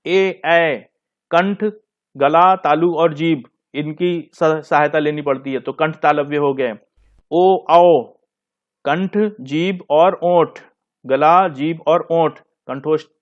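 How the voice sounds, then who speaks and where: A slightly high-voiced man teaching a grammar lesson, walking through each point step by step. He asks his pupils questions and then answers them himself, repeating and rephrasing each term. The recording sounds dull and lo-fi.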